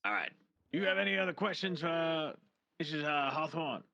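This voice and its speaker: A man's voice: fairly high pitch, lively intonation, moderate pace, gravelly, pushed and bright, dry recording, highs cut off. A man roleplaying a judge in a game courtroom, brash, profane and commanding.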